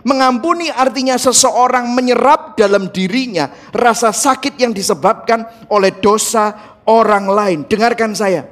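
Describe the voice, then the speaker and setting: High-voiced man preaching with passion. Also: unhurried, fairly bright tone. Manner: emphatic, impassioned preaching that addresses the congregation directly; mixes English words into his speech. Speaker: pastor. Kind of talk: sermon.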